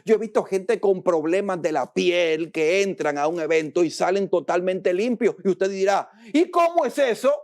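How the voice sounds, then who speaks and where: A man preaching a sermon, repeating phrases with emphasis and dropping to a soft hush to calm his listeners. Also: moderate pace, few pauses. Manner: acts out worried people's complaints, then soothes in a low hush.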